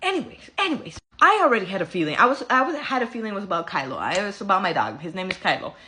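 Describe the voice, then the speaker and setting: A woman vlogger telling a story from home in a casual, animated, profane and sassy way. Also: medium pitch, racing.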